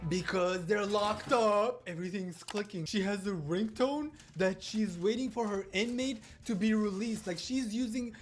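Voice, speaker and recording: A woman's voice: medium pitch, measured pace, few pauses. A woman host giving casual, playful, gossipy reaction commentary in slangy speech. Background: background music.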